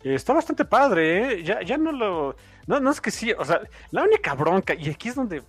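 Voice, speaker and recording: Joking man with a higher voice. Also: big pitch swings, normal speed, slightly rough, no echo, faint music behind. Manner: joking, laughs easily. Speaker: podcast co-host. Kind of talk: casual chat.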